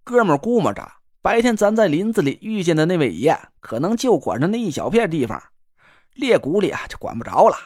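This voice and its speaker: A man's voice: high voice, very animated, brisk, darkish tone, no echo, clean studio sound. A man voicing a cocky, joking young man who teases his friend while cooking. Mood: boastful. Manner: teasing, boastful, chatty slang. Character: cocky joking young male camp cook. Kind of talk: audiobook character voice.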